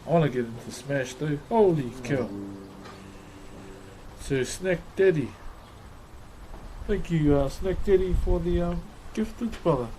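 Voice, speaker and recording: A man's voice: a little high, lively intonation, unhurried, long pauses, mellow. A man with a New Zealand accent chatting casually on a livestream in a laid-back, slangy way as he answers viewers. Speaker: live streamer. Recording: clearly noisy background ambience.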